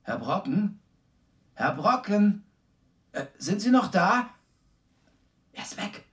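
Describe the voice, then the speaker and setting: A disembodied voice of a male broadcast director, voiced by an actor, drifts in from the control room of a children's radio show. It sounds roomy and set back from the microphone, with a middling pitch. He talks in a brisk, official way. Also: big pitch swings, a bit bright. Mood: alarmed. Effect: disembodied voice from off-stage, distant and roomy. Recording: echoey, far from the mic.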